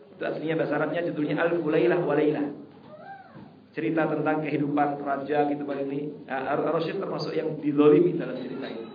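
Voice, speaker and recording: A man from Indonesia giving a sermon to a congregation, telling a story with lively rises and loud quoted pleas. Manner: animated storytelling, shouts quoted pleas at high pitch. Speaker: preacher. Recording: roomy, distant, dull lo-fi hall recording.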